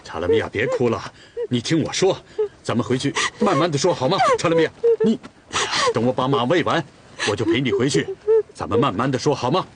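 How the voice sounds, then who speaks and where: A man's voice: mid-range voice, huge pitch swings, fairly quick, heavy background noise. An actor playing a dutiful young Torghut man who tends the khan's horses, in a period TV drama, firm and reasoning. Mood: soothing. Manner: firm, reasoning, at times soothing. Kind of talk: television period drama acting.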